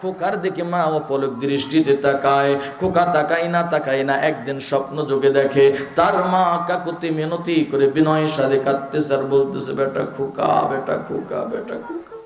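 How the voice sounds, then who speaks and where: A man's voice: a little high, steady tone, normal speed, echoey room. A man preaching an emotional sermon, rising and repeating phrases and chanting verses in a melodic sing-song.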